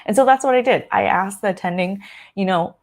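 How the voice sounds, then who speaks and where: A woman's voice: medium pitch, brisk, a little mellow. A young woman who is a family doctor, talking earnestly and emotionally in a casual vlog, choked up at times, with many fillers. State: choked up, near tears.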